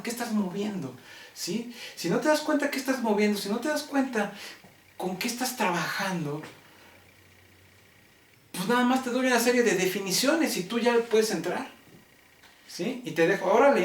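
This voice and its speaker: A man with a Mexican accent teaching a logic class, talking deliberately and constantly checking that students follow. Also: high-pitched, slight background noise. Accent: Mexican Spanish. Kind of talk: classroom lecture. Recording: roomy classroom, mic far off.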